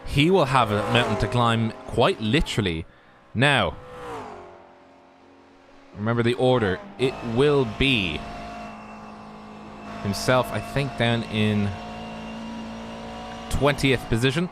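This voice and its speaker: With a noisy background, a man co-commentates a sim racing stream, chatting jokily and addressing the viewers' chat. He speaks slowly in a medium-pitched voice, pausing often.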